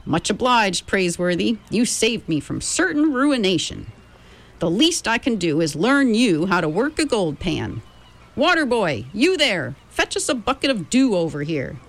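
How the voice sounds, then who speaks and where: A chatty, eccentric frontier gold miner, put on by a woman reading aloud, drawling his folksy talk in a raised, lively voice that leaps up and down. He sounds cheerful and easygoing, a storybook prospector. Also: medium pitch, unhurried, voice pushed up. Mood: delighted. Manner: drawling frontier dialect, talkative. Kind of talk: audiobook character voice.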